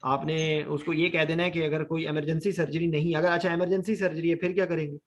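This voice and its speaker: A man's voice: fairly high pitch, level tone, fast. A man teaching an online anesthesia lesson, quizzing his students and mixing English medical terms into his speech. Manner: questions students, mixes English terms into Urdu.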